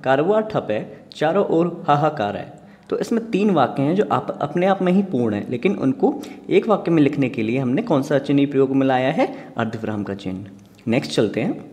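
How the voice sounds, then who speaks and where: A man's voice: mid-range voice, a little mellow, in a large hall. A man teaching an exam revision lesson, asking questions and then answering them himself.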